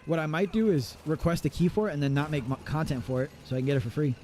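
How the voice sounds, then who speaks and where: This man in his thirties streams a game live, chatting casually and swearing as he plays. His voice is fairly high and fast, with a noisy background. The commentary is casual, profane and rambling.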